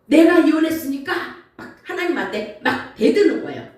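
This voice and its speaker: High-voiced woman preaching in an echoey hall. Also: normal speed. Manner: animated, acts out grumbling prayers. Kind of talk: sermon. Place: church sanctuary. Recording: echoey church hall from far off.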